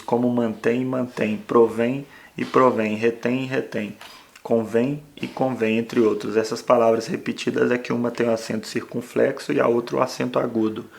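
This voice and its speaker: A man's voice: medium pitch, creaky. A man teaching a Portuguese spelling and accent lesson, explaining step by step and often checking in with "né?". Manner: explains slowly with frequent "né?". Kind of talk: grammar lesson.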